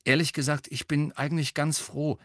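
A man reading an audiobook, voicing a defensive, uneasy fifteen-year-old boy who is quick to protest. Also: on the high side, level tone, dry recording, clean studio sound, voice pushed up, close to an everyday voice.

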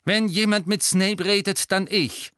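A man reading an audiobook, voicing a calm, firm grown teacher who speaks slowly and turns stern. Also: a little high, no room sound, clean studio sound, voice pushed up. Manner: slow and measured, turning stern.

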